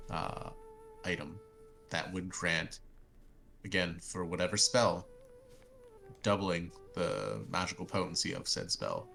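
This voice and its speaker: A very low-voiced man with a strongly creaky edge acts as game master. He improvises his narration haltingly, thinking aloud, in a bright, forceful tone.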